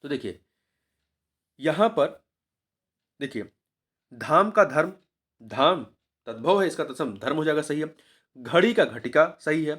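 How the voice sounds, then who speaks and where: A man's voice: on the high side, expressive, a little slow, pauses often, a bit bright. A man teaching as an exam coach, going through a grammar test paper, patiently repeating each word and spelling it out syllable by syllable.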